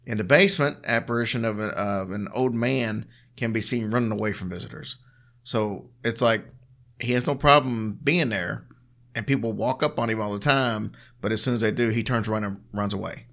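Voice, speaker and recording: A man with a fairly low voice and plenty of fry in it. He tells stories as a co-host in a loose, conversational style. His delivery is dry, with a teasing edge. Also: moderate pace, fairly bright tone. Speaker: podcast co-host telling ghost stories. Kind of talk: casual storytelling chat.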